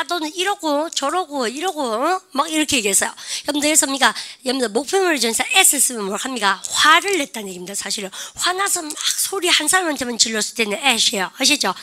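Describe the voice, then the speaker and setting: A middle-aged woman teaches English grammar to a classroom. Her voice is fairly high and very bright. She keeps things lively, drilling students with quick call-and-response prompts. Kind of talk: classroom lecture.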